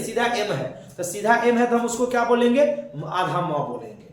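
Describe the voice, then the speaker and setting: A man teaching a lesson, drilling his students by asking questions and answering them himself. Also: high voice. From India. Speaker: English teacher. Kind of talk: classroom-style lesson. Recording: very echoey room.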